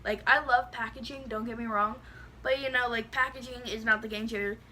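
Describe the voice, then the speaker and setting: A woman's voice: fairly high pitch, steady tone, brisk, pushed and bright, slight background noise. A woman with a lisp that makes her s sound slushy, chatting casually and bluntly through a product review, rambling with lots of "like". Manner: blunt, rambling, heavy use of "like".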